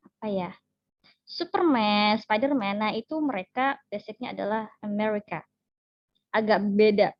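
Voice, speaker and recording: With a mid-range voice, a young woman from Indonesia leads an English class, blending Indonesian into her English, laughing often and staying friendly. The recording is dull, dry, lo-fi, and free of room sound.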